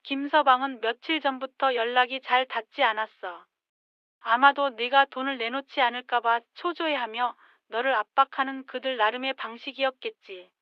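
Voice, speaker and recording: Brief: woman in her sixties, gentle rueful scripted narration, high voice, dry dull recording. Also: steady tone, normal speed, clean tone, no room sound. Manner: gentle, rueful, speaks as a letter to her younger self. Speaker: storyteller.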